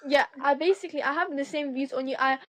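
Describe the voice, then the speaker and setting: High-pitched woman, chatty with lots of fillers, dry close sound, livestream debate guest. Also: fast, a bit bright, no echo, rough recording. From United Kingdom. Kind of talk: casual chat.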